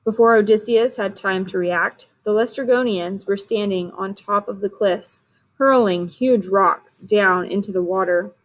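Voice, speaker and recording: A woman reading a storybook aloud in a steady, clear manner, on a dull lo-fi recording. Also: mid-range voice, unhurried. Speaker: reader.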